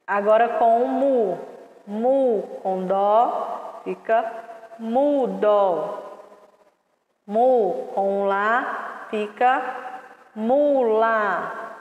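A woman teaching an online class to young children, sounding out syllables slowly and patiently. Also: mid-range voice, phone-quality sound. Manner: slow, drawn-out syllables, patient and instructive. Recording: echoey room with long reverb.

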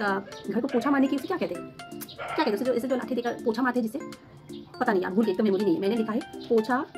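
A woman filming a casual home vlog in her kitchen, chatting with her viewers as she works through chores step by step. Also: a little high. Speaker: home vlogger.

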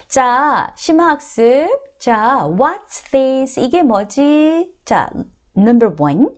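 A middle-aged woman teaching beginner English grammar with a Korean accent, drilling words slowly and coaxing her viewers. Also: high voice, very animated, darkish tone. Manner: addresses viewers often, coaxing and encouraging.

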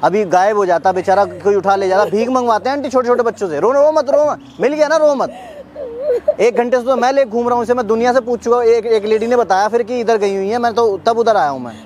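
Young male vlogger, rapid and high-pitched, urgent and scolding, outdoors with light traffic noise. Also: darkish tone. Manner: urgent, scolding, talks fast with many repeats. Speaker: YouTube creator. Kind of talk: outdoor prank-style vlog. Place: outdoor public park.

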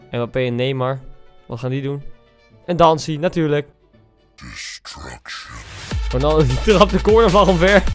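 A young man giving casual reaction commentary on video clips, teasing and incredulous, full of quick exclamations. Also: fairly high pitch. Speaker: YouTuber.

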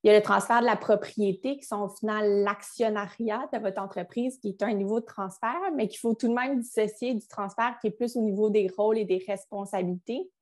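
On a video-call webinar, a young Quebec French-accented woman who advises on business succession talks fairly quickly, hardly pausing. Her medium-pitched, darkish voice stays fairly even, and her chatty style keeps restarting and leaning on fillers.

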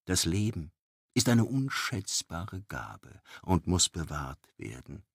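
A man voicing a proud male elf who speaks in a cold, measured way in an audiobook. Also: fairly low pitch, expressive, sharp tone, no echo, clean studio sound.

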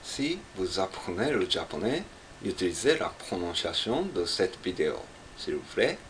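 A man's voice: deep voice, sing-song, takes it slowly, fairly bright tone, slight background noise. A man from Japan with a Japanese accent, carefully practicing French pronunciation and repeating it in Japanese, drilling syllables one by one. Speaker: French learner. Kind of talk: language practice monologue.

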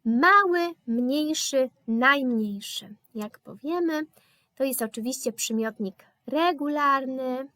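Casting note: high-voiced woman with a Polish accent, patient German teacher, unhurried delivery. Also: bright, forceful tone, dry recording, clean studio sound. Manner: slow, patient explaining with hesitation fillers. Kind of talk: live online language lesson.

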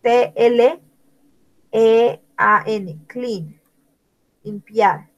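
Woman teacher, fairly high voice, unhurried delivery; spells each word aloud and calls on students by name. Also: highs cut off. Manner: slow, spells out words letter by letter. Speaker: English teacher. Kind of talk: online language lesson.

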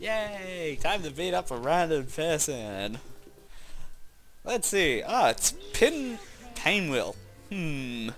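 Man, gameplay commentator, slow easygoing delivery, giggly and rambling, loud outbursts, faint game music behind. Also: fairly high pitch, sing-song.

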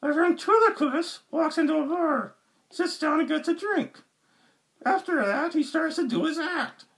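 A man voicing a cheeky boy ventriloquist dummy who tells jokes in a squeaky voice. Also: expressive, unhurried, vocal fry, fairly bright tone, exaggerated voice.

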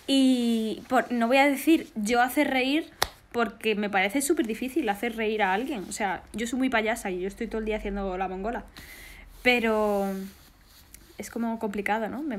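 A woman's voice: a little high, fairly even intonation, normal speed. A woman, bubbly and affectionate, casually answering fan questions on a phone live stream. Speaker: singer doing a live stream.

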